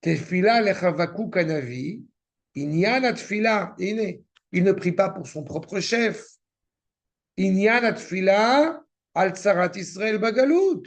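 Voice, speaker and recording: A man with a high, animated voice speaks at a slow pace while teaching a Torah class. He reads Hebrew verses and then explains them, adding cynical asides as he comments on the quotes.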